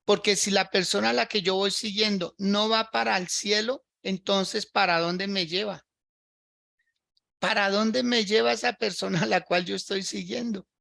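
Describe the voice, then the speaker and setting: A pastor preaching a livestreamed sermon, his voice gravelly and edged with brightness. He walks through scripture, circles back over his own phrases, and keeps asking listeners "right?". The sound is dry and close, with no room around him. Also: sits high, steady tone, normal speed, dry recording. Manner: repeats phrases while working through a scripture passage.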